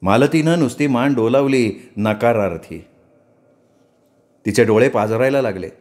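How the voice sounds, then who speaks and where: Measured male storyteller. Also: medium pitch. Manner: measured, expressive narration. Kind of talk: Marathi story reading.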